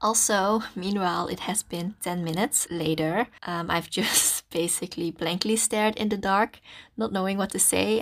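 A woman's voice: medium pitch, vocal fry. A woman in her early twenties from the Netherlands hosting a casual solo podcast, self-conscious and rambling, talking into a phone in a small closet with a towel over her head. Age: early 20s. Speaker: podcast host.

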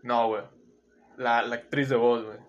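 A man's voice: mid-range voice, flat delivery, moderate pace, muffled recording. A man with a Mexican accent in casual chat, laid-back and slangy, explaining things to his friends. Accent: Mexican Spanish. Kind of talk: casual chat about anime.

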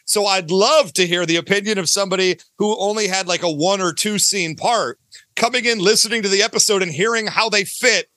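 In a casual interview, a guest who creates audio dramas speaks at length in a high, bright, forward voice, rephrasing his points as he goes. He talks briskly, and the recording is dry with no room sound.

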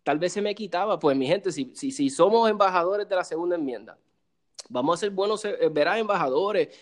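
A man talking casually on a talk show, telling animated stories and acting out what people said. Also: sits high, brisk. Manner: animated storyteller, acts out quoted voices. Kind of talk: casual chat.

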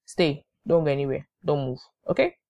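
A woman's voice: sits low, moderate pace. A young woman with a Nigerian accent hosting a casual solo podcast, chatty and emphatic, repeating phrases for effect. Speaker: podcast host.

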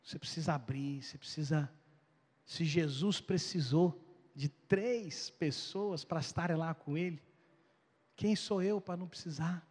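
High-voiced animated male preacher. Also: a little slow, in a large hall. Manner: animated, dramatic storytelling with acted-out voices. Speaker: pastor. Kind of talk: sermon.

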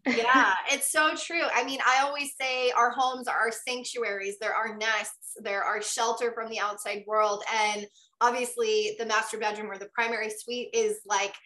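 An American woman hosts the conversation in a bright, forceful voice that sits fairly high. She gushes with enthusiasm and fills her talk with likes and you-knows, and her voice rings in an echoey room. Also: fairly even intonation, normal speed. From United States. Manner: enthusiastic, effusive, many fillers. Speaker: podcast host. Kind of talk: casual interview conversation.

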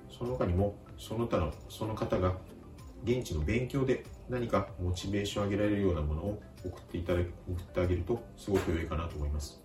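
A man teaching a vocabulary lesson, speaking calmly and slowly repeating each word with careful pronunciation. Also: low voice, reverberant, far from the mic, music in the background. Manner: slow, careful pronunciation drills. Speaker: language teacher.

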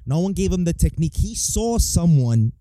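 A man's voice: on the high side, sing-song, normal speed, warm tone, no echo. A man hosting a live stream, chatting casually and boasting about his guest. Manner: hyping up his guest, conversational.

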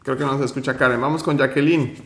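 A man's voice: mid-range voice, fairly even intonation, quick pace, creaky, reverberant. A man hosting an online finance workshop, teaching with motivation and firmly running roll call. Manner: firm, direct, gives instructions.

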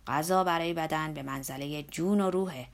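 A woman doing a blunt, grumbling old laborer. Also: vocal fry. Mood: scolding. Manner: lower pitched, loud and scolding. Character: earthy older male laborer, blunt and grumbling. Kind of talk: audiobook character voice.

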